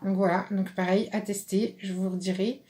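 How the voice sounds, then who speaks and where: A woman chatting casually in a craft haul video, reading out English product names haltingly. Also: mid-range voice, little pitch movement, dark tone. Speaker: craft vlogger.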